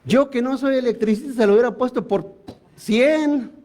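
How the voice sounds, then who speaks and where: A man's voice: very high voice, normal speed, darkish tone. A male pastor, preaching a sermon emphatically and asking the congregation rhetorical questions.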